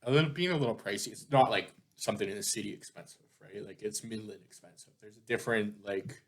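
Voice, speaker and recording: Podcast guy rambling, lots of "like", keeps giggling and firing off questions. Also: lowish voice. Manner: rambling, filler-heavy, giggly; rapid-fire questioning. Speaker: podcast co-host. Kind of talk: casual chat.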